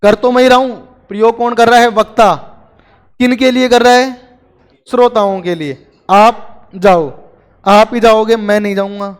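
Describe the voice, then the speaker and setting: A man's voice: extremely high pitch, fairly even intonation, normal speed, smooth, long reverb tail. A man teaching a grammar lesson to a class, chatty and joking with his students between explanations.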